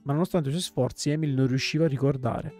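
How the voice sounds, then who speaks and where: A man reading a game's story text aloud as a let's play host, calm storytelling with small slips and restarts. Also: mid-range voice, fast, faint music behind.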